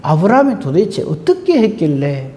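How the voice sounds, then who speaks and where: High-voiced, animated male preacher. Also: normal speed. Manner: animated, exhortative preaching with rhetorical questions. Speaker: pastor. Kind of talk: sermon.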